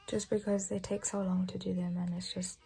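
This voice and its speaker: A 21-year-old woman, chatting casually through a makeup tutorial in a relaxed, often half-whispered way. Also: lowish voice, brisk, gravelly, husky. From England. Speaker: beauty vlogger.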